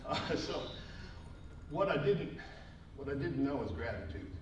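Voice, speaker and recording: A man's voice: medium pitch, animated, measured pace. Man in his 30s, casual self-deprecating testimony, slightly winded; distant mic in a roomy hall, audience noise. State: a little out of breath. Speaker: speaker at a business event. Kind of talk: personal testimony talk to a live audience. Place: large event hall with a live audience. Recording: echoey hall, mic far off, crowd noise.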